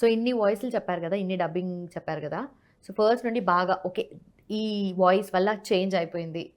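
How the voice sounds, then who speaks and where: A woman's voice: mid-range voice, a little fast. A woman hosting an interview, asking casual questions and mixing English phrases into her talk. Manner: mixes English into her questions, many short acknowledgements. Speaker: interview host.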